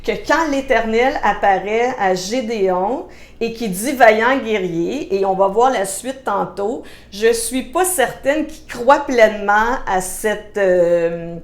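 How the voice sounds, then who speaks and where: A woman with a Québécois French accent giving a devotional message in a conversational way, pausing with frequent hesitations and playful asides. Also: mid-range voice, lively intonation. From Quebec. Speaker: church speaker giving a midweek devotional. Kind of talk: devotional sermon, reading scripture aloud. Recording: roomy echo.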